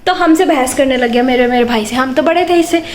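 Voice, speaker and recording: Young woman, home vlogger, high bright voice, giggly storyteller, echoey room, faint hiss. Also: fast. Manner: giggly, chatty, breaks into laughter telling stories. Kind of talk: casual vlog chat and storytelling. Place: home, kitchen.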